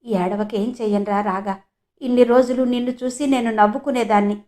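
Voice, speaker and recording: A woman's voice: fairly high pitch, fairly even intonation, fairly quick, dark tone, close to an everyday voice. Woman as a grieving village mother. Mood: pleading. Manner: sorrowful, beseeching. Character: middle-aged village mother, grieving and pleading.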